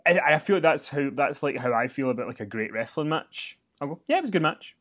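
This wrestling podcast co-host speaks from a hotel room in a slightly high, animated, fairly bright voice at a fairly quick pace. The recap is casual and rambling, with many fillers and restarts.

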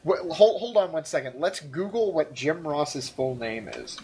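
American man, casual co-host chat, stammering and excitable, slightly high voice. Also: moderate pace, a little hiss or hum. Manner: excitable, stammering, laughs often. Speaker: podcast co-host. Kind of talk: casual wrestling recap chat.

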